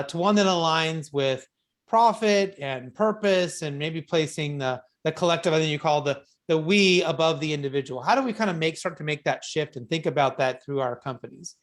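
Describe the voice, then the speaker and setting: Casting: male radio interviewer, medium-high voice, casual and somewhat halting in phrasing. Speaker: radio show host and interviewer.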